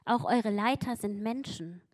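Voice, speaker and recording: A woman's voice: medium pitch, unhurried. A woman preaching a sermon with emphatic delivery, acting out quotes with mounting intensity. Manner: emphatic, acts out biblical quotes with rising intensity.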